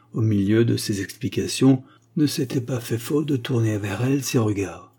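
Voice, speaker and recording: A man narrating a classic French story in a measured, literary way. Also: on the low side, dark tone, husky. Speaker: audiobook narrator. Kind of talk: scripted narration.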